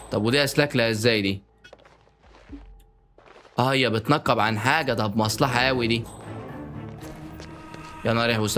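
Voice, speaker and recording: An excitable man with an Egyptian accent rattles off quick, jokey let's-play commentary at a mid-range pitch. He keeps breaking into frantic repeated shouts, with game music clearly playing underneath. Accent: Egyptian Arabic. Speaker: gaming YouTuber.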